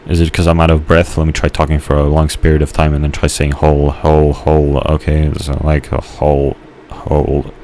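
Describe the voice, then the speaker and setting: A man's voice: rumbling low, completely flat delivery, quick pace, few pauses, a little mellow, a little hiss or hum. A man casually rambling while playing a game, hesitant, with many fillers and restarts. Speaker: gamer narrating his gameplay.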